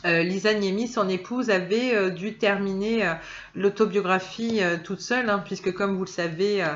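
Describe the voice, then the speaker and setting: This tarot reader speaks at medium pitch and a moderate pace, though the audio sounds dull. Her oracle card reading comes across as a relaxed, talkative guidance video, peppered with fillers and frequent restarts.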